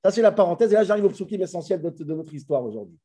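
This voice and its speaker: A man giving an animated scripture class. He recites verses and talks straight to his listeners with emphasis. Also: high voice, racing. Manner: dramatizes dialogue, switches to Hebrew recitation; addresses listeners directly, emphatic. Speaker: Torah teacher.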